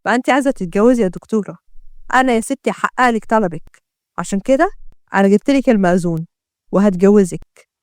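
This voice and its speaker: Brief: a woman playing a cold Egyptian mafia boss, low and taunting, dry close voice, storybook reading. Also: darkish tone, no room sound, lightly acted. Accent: Egyptian Arabic. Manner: low, slow, taunting threats. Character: menacing male mafia boss, cold and threatening.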